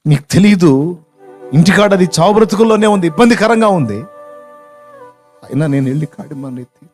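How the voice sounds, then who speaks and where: A man's voice: medium pitch, normal speed, darkish tone, soft background music, close to an everyday voice. A man voicing a grieving old farmer. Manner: pleading, rising to anguished cries.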